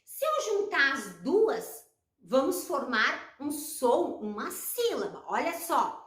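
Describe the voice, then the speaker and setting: A Brazilian woman teaching children letter sounds, slow and encouraging, drawing out each syllable. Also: high-pitched, sing-song, a bit bright, reverberant. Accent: Brazilian Portuguese. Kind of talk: children's phonics lesson.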